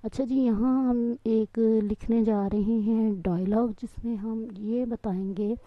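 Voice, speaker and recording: A woman's voice: a little high, fairly even intonation, takes it slowly, no echo. Woman teacher, patient step-by-step explainer, close dry sound, a bit dull. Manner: explains patiently, mixing Hindustani and English, checks with "theek hai ji". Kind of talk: classroom lesson explanation. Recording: dull lo-fi recording.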